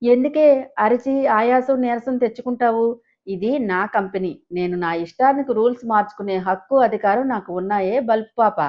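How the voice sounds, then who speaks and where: A woman's voice: a little high, moderate pace, highs cut off, lightly acted. A woman voicing a cocky teasing young boss husband. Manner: teasing, mock-dramatic.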